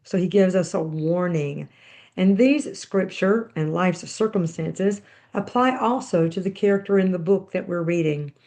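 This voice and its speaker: A woman hosting a podcast, reading a book aloud with short asides to her listeners in a measured, expressive storytelling manner. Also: on the low side. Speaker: podcast host.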